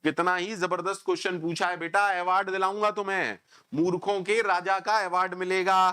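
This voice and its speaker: Teacher, male, bright and clear, sarcastic, scolding lecturer. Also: high-pitched, flat delivery, a little fast. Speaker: programming teacher. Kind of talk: online coding lecture.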